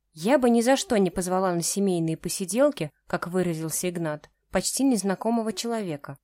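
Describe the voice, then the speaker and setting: A woman narrating a first-person romance audiobook in a measured, even way. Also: medium pitch, no room sound, clean studio sound.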